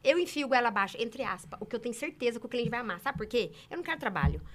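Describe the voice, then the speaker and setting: A woman from Brazil telling sales stories in a casual interview, emphatic and animated. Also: a little high. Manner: animated, emphatic, quick talker. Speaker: saleswoman guest.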